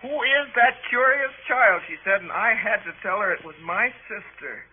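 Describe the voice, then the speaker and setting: A man's voice: high voice, animated, normal speed, husky, narrow, tinny audio. A pompous, outraged teenage boy. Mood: indignant. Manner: lofty, fussy, indignant complaining. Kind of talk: 1940s radio acting. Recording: scratchy old radio broadcast.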